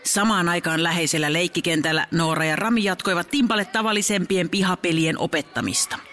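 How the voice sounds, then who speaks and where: A woman narrating a children's audio story in a lively, brisk way. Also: lowish voice.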